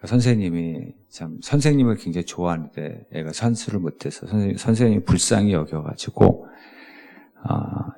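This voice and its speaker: Gravelly, lively male pastor preaching. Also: sits low. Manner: conversational, asks the congregation rhetorical questions. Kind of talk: sermon.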